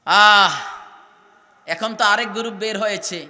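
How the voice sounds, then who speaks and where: High, bright-voiced Bangladeshi preacher. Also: male voice. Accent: Bangladeshi Bengali. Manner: calls out questions to the crowd, spells out letters slowly. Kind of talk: Islamic sermon.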